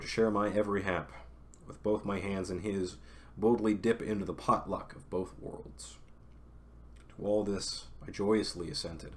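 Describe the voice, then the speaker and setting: A low-pitched young man reads a classic novel aloud on stream, stopping every so often for chatty asides to his viewers in which he corrects himself.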